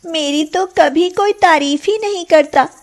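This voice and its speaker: A woman voicing a gentle, timid young orphan girl in a cartoon, speaking softly and earnestly. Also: very high voice, a little slow.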